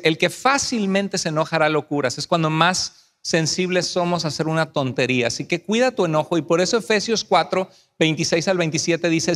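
A man's voice: high voice, fairly bright tone, long reverb tail. A man speaking as a pastor at a church couples conference, telling stories and acting out quoted arguments, then quoting scripture.

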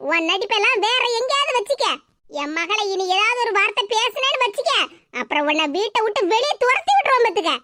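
A woman's voice: very high-pitched, big pitch swings, quick pace, pushed and bright, no room sound, studio quality, full character voice. A woman voicing a bossy older aunt and mother-in-law in a cartoon, scolding and domineering, with a Tirunelveli Tamil accent.

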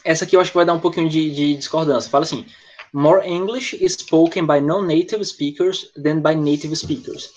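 A man's voice: on the high side, fairly even intonation, brisk. A man with a Brazilian Portuguese accent teaching English in an online class, explaining points and answering students from the chat. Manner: explanatory, talks with students by name and reads the chat. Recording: lo-fi dull audio.

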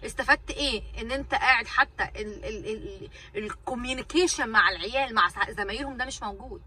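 A woman's voice: on the high side, quick pace, pushed and bright, recorded from a distance, poor audio. A woman with an Egyptian Arabic accent, a mother and vlogger venting casually to her viewers in an exasperated, ranting way, repeating herself for emphasis.

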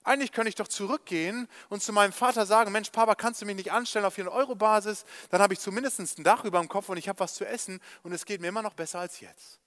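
A shamed young son stutters out his plea to his father, as a preacher acts it out. The voice sits high and hesitant, broken by restarts. It sounds like a parable told from a pulpit. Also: fast talker, few pauses, fairly bright tone, in a large hall. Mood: pleading. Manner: stammering, pleading. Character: ashamed young prodigal son, stammering.

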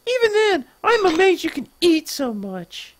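A player doing a high earnest young woman. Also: sing-song, a little slow, no echo, exaggerated voice. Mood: pointed. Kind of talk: let's-play voice acting.

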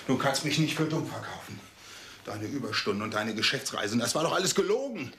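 A menacing jealous husband. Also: male voice, fairly low pitch, fairly quick, slight background noise. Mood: furious. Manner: soft, threatening whisper rising to furious outbursts. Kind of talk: 1980s TV crime drama acting.

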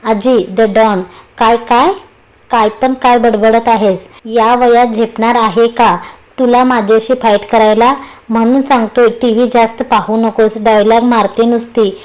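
Woman reading a teasing young man, affectionate fiancé, bickering tone, fairly high voice, storybook reading. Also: steady tone, measured pace, darkish tone, lightly acted, low-quality recording.

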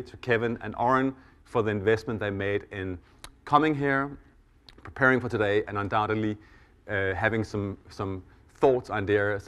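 A middle-aged Danish man with a Danish accent and a somewhat low voice hosts a conference stage session in a conference hall. He's relaxed and self-deprecating, often pausing on "uh" and "um."

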